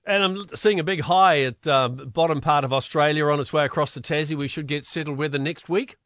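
A man's voice: fairly high pitch, brisk, a bit bright, dry recording. A man with a New Zealand accent hosting a conversational radio interview in an informal, matey way. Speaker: radio host.

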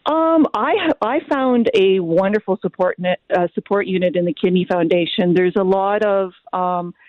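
A woman's voice: medium pitch, normal speed, no room sound. A Canadian woman in her forties, a guest speaking earnestly with frequent ums in an interview over a tinny phone line.

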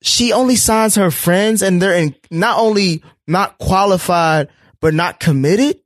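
A man's voice: high voice, unhurried, dry recording, clean studio sound. A man co-hosting a sports podcast, talking animatedly and often restarting his words as he jumps into the debate. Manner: animated, talks over others, repeats words when starting. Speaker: podcast co-host.

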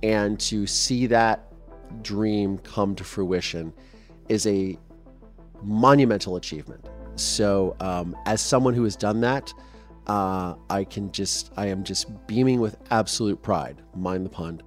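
Speaking slowly in a lowish voice over soft background music, a podcast host in his thirties rambles casually, using fillers and restarting sentences. At times he grows openly emotional, his voice going soft when he's moved.

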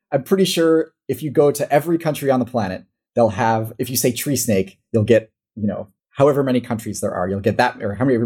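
A man's voice: mid-range voice, darkish tone, husky. A man with a Midwestern American accent, talking casually as a podcast guest, rambling and correcting himself as he explains. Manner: rambling, self-correcting, laughs often. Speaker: guest, animal-ranking YouTuber.

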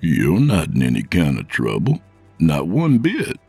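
A man voicing a gruff, gentle biker Santa who soothes frightened children. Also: huge pitch swings, a little slow, no room sound, soft background music, exaggerated voice. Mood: soothing. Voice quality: deep gravelly. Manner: soothing, warm with kids, growls at villains.

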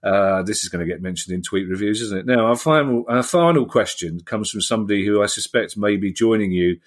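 A man hosting a podcast, chatting and bantering in a jokey, relaxed way. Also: lowish voice, a little fast. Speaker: podcast host. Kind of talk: casual podcast chat.

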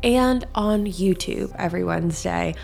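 A woman with a slightly low voice works as a true crime narrator on a podcast. She speaks conversationally and addresses her listeners directly, casual in tone while she lays out the story as the host. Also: measured pace, vocal fry, over music.

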